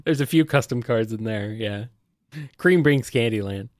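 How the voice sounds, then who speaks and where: A man's voice: on the low side, moderate pace, dry recording, clean studio sound. A laid-back man in casual podcast chat who laughs often as a co-host.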